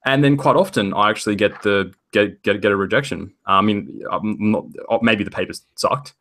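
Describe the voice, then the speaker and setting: A man co-hosting a podcast, chatting casually in a halting way with many restarts. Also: lowish voice, a bit bright. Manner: hesitant, many fillers and restarts, laughs easily. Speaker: podcast co-host. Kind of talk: casual chat.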